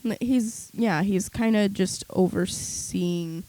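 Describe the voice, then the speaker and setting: A woman's voice: medium pitch, slow pace, no room sound, low-quality recording. Young woman cohosting a podcast, blunt and sweary, casual chat. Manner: swears freely, blunt and animated. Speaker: podcast co-host.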